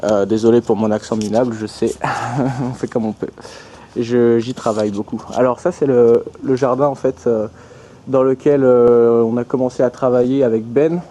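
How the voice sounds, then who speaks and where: A man's voice: mid-range voice, steady tone, moderate pace, warm tone, slight background noise. Hesitant young Frenchman vlogging. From France. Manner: hesitant, many fillers and restarts. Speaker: travel vlogger. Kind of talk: casual vlog narration, giving a house tour. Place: house and garden.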